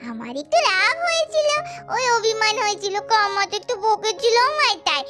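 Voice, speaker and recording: Woman doing a high-voiced little girl doll. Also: big pitch swings, normal speed. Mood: cheerful. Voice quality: high childlike voice. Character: young girl doll Pari, sulky and cheerful. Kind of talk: doll story cartoon voice acting. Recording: music bed under voice.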